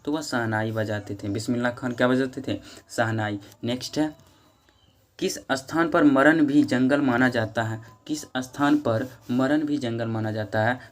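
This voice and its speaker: Man reading out exam answers. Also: medium pitch. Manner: reads each question, then repeats it and gives the answer. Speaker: teacher going over exam answers.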